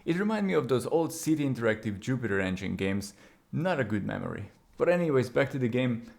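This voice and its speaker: A man's voice: medium pitch, big pitch swings, brisk, creaky. A man narrating a scripted video game review, opinionated and with wry asides.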